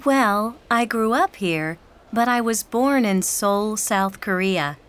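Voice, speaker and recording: A woman's voice: mid-range voice, takes it slowly, fairly bright tone, clear, resonant tone. An actress playing a young woman in her twenties who talks about her family in a scripted textbook dialogue. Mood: friendly.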